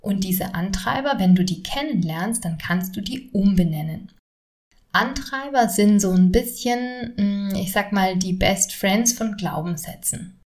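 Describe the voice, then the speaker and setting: A woman's voice: mid-range voice, animated, a little slow, a little mellow. A woman, hosting a solo podcast on stress and talking straight to the listener in a friendly way. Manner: friendly, addresses listener directly. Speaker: podcast host and stress coach. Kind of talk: solo podcast talk with exercises.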